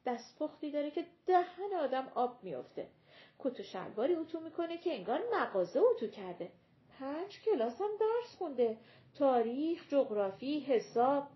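A woman's voice: high-pitched, big pitch swings, lo-fi sound, pitched above the performer's own voice. A woman voicing a young woman who argues with herself in her thoughts, chatty and scheming. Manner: chatty, self-arguing inner monologue.

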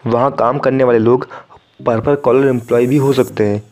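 A man's voice: medium pitch, steady tone, normal speed, a little mellow, faint music behind. A young man from India hosting a solo podcast, talking casually and directly to his listeners and slipping English phrases into his sentences. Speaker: podcast host.

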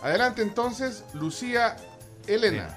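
A male radio host running a joke segment in quick, playful banter. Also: very high-pitched, animated, fairly bright tone, soft background music. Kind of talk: lively radio show banter.

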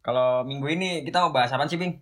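A man's voice: medium pitch, quick pace. A man in his twenties with a Jakarta accent hosts a casual podcast, bantering in coarse Jakarta slang and repeating words. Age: 20s. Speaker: podcast host.

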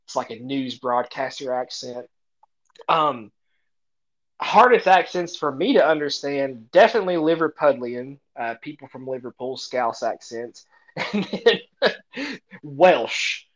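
A man's voice: medium pitch, dull audio. An American man co-hosting a podcast in casual chat, often laughing as he talks. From United States. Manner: laughs often mid-sentence. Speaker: podcast co-host.

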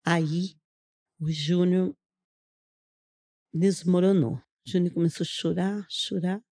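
A middle-aged woman from Brazil tells a personal testimony in a casual podcast chat. She speaks earnestly and narrates step by step, slipping into the words of the people in her story. Her voice sits a little low and sounds soft and mellow. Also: fairly even intonation, takes it slowly. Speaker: guest giving a testimony.

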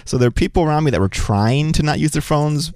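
A man co-hosting a podcast in casual chat, relaxed and agreeable, telling anecdotes. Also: on the high side, fast, no echo, studio quality. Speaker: podcast co-host.

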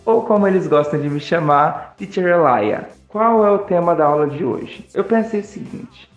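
A man with a Brazilian Portuguese accent teaching an online English lesson in a friendly way, drilling words slowly. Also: a little high, expressive, echoey room, lo-fi sound, faint music behind.

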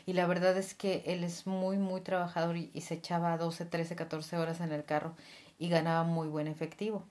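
A woman, a podcast guest telling a personal story in a lively, laughing way. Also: lowish voice, normal speed. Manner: lively, laughing, acts out voices in her story.

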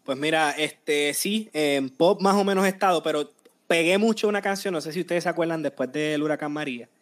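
Puerto rican man, late twenties, guest singer, slightly high voice, lively storytelling. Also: a little fast. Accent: Puerto Rican Spanish. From Puerto Rico. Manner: animated, tells story with acted quotes. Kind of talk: casual interview storytelling.

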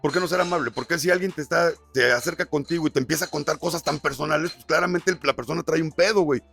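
A man's voice: fairly high pitch, fast talker, gravelly, fairly bright tone, faint music behind. A man who works as a radio announcer, telling stories in casual podcast chat full of slang. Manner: storytelling, peppered with slang.

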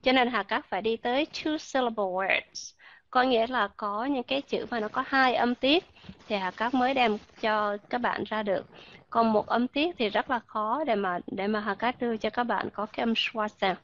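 A woman teaching a pronunciation lesson online, patiently repeating example words slowly to model the sounds. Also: fairly high pitch, lo-fi sound.

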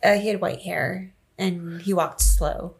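A young woman co-hosting a podcast, telling an animated story in casual chat and laughing often. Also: on the low side, unhurried, vocal fry. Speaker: podcast co-host.

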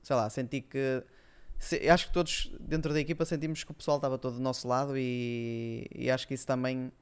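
A former esports player with a European Portuguese accent chats as a podcast guest in a clear, smooth voice that stays very even in pitch. He speaks briskly, reminiscing casually through loose, hesitant phrases.

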